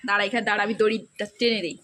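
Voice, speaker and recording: A woman's voice: medium pitch, steady tone, rapid-fire, a bit bright. A woman filming a casual family vlog at home, chatting to a small child and laughing often. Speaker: vlogger. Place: family home, kitchen and living room. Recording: noisy home phone recording.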